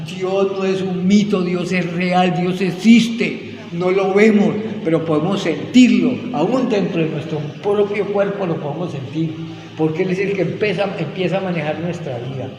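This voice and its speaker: An earnest middle-aged man tells his personal testimony, slipping into the voices of people in his story. His voice sits a little high for a man and rings through a roomy hall with a long tail of reverb, over a faint hiss of background noise. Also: normal speed, a little mellow. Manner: earnest, emotional storytelling with quoted dialogue. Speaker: testimony speaker at a rehab ministry.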